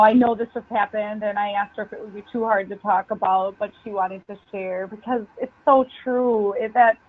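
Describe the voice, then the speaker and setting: A woman's voice: medium pitch, breathy edge. A woman leading a team meeting on a call, talking earnestly and bluntly urging everyone to take part. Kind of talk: encouraging team talk. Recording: tinny phone-line sound.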